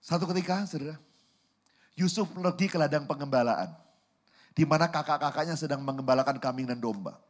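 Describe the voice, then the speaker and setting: Pastor guy preaching in church, husky and a bit high voice, storytelling sermon. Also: brisk. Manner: storytelling, addresses the congregation as "saudara".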